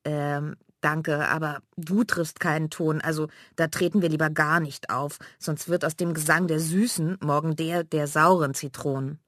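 A woman's voice: deep voice, steady tone, moderate pace, hardly any pauses, fairly bright tone, no echo, clean studio sound. A woman voicing a haughty, bossy teenage big sister who talks down to others. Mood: scornful. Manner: haughty, dismissive.

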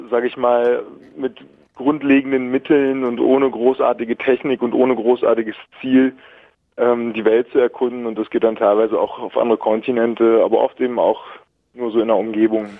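A man's voice: medium pitch, level tone, normal speed, dry recording. A man in his twenties from Berlin calling in to a radio show, talking in a rambling way with many fillers and easy laughs. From Berlin, Germany. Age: 20s. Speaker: caller. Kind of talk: casual phone-in chat. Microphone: telephone. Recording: tinny phone line, dry.

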